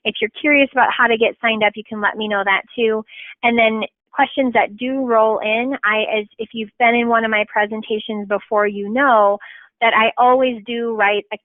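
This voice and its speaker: Brief: woman attorney hosting a webinar, chatty and quick, tinny phone-like line, dry sound. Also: a little high, steady tone, no room sound. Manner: chatty, quick, self-deprecating, frequent ums. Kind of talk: webinar presentation.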